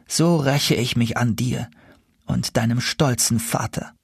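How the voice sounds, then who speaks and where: A man voicing a vengeful sorcerer, speaking slowly with gloating menace. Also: mid-range voice, creaky, breathy edge, no echo, clean studio sound, full character voice.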